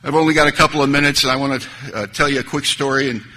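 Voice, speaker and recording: Man, recovery speaker, sharp bright tone, earnest storytelling, long hall reverb, faint hiss. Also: medium pitch, steady tone, very fast. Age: 30s or older. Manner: earnest, storytelling, acts out dialogue. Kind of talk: recovery talk to an audience. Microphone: stage microphone.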